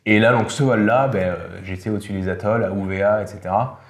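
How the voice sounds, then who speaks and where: A man, a pilot guest, explaining calmly and matter-of-factly in a casual interview. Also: fairly low pitch, quick pace, echoey room. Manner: calm, matter-of-fact explainer.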